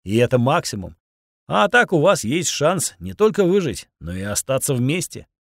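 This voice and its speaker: A man's voice: medium pitch, big pitch swings, moderate pace, creaky, a bit bright, dry recording, clean studio sound, heavily acted. A man playing an evasive, dismissive leader. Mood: calm, dismissive. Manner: brushing off questions, reassuring.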